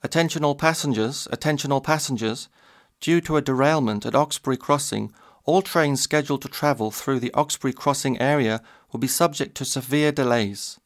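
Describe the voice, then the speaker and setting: A man making a formal, steady scripted train station announcement. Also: medium pitch, brisk.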